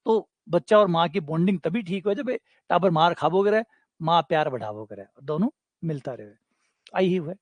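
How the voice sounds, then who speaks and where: Chatty Rajasthani-accented maths teacher. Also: male voice, on the high side, expressive, moderate pace, no echo. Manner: chatty, joking teacher slipping into local dialect. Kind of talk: online exam coaching class.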